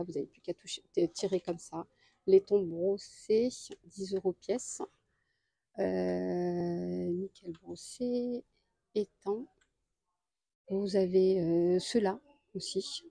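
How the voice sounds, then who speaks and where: Lady filming deals in a store, mellow breathy voice, dry close sound, rattles off prices with lots of uhs. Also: mid-range voice, no echo. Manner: chatty, lists prices and sizes with many pauses. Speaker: deal-hunting vlogger. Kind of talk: casual store walkthrough. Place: home improvement store aisle.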